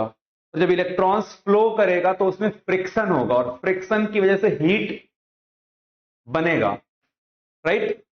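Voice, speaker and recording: A male electronics teacher giving an online lecture, repeating his points and asking and answering his own questions, calling his students "my child". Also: sits high. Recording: echoey, dull lo-fi room recording.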